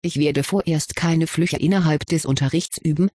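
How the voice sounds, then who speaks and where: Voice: medium pitch, moderate pace, a little mellow, slightly rough, dry recording, studio quality, lightly acted. A reader voicing a reserved teenage boy wizard student in an audiobook, answering in curt, cautious words. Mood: guarded. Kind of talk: audiobook character reading.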